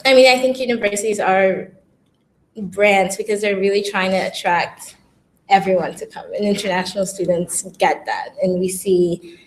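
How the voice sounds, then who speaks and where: A woman's voice: mid-range voice, steady tone, moderate pace. A young woman, a master's student, speaking on a live panel in a casual, hesitant way with many ums. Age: young adult.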